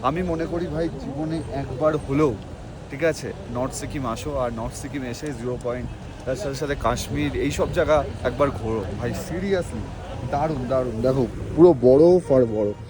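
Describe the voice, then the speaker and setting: A man with a Bengali accent vlogging from a snowy mountain pass. He talks slowly and is short of breath from the altitude, with a dry throat, breaking into excited exclamations. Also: medium pitch, crowd noise. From Bengal, India. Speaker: travel vlogger. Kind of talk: casual vlog walk-and-talk. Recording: wind noise on the mic outdoors.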